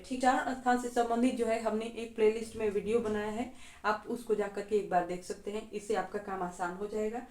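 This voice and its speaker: A woman's voice: fairly high pitch, darkish tone, echoey room. A woman from Bihar, India, teaching an exam-prep lesson patiently and step by step, often checking in with the class. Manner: patient, step by step, often says "theek hai".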